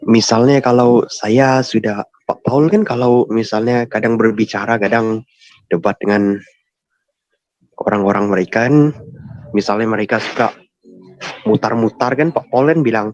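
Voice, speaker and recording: A man's voice: lowish voice, steady tone, normal speed, long pauses, no echo. A male caller asking a question politely and hesitantly, deferring to the host. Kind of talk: phone-in question. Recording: dull lo-fi call line.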